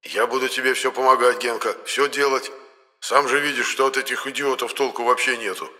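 A man's voice: medium pitch, fairly even intonation, brisk, pushed and bright, in a large hall, pitched above the performer's own voice. A man voicing a male spirit trapped in a doll, pleading and wheedling to be let out.

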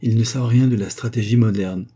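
A male soldier of fortune who makes his offer with assured confidence in a dark, husky voice, as a male reader puts him on. This is storybook narration. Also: lowish voice, fairly even intonation, brisk. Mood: persuasive.

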